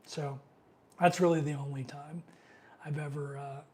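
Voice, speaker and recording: This middle-aged man's voice is a little high and mellow, with fairly even intonation and a slightly slow pace. Sniffling from a cold, he hosts a laid-back live question-and-answer stream. He wanders from point to point, packs in fillers, and reads out comments from viewers.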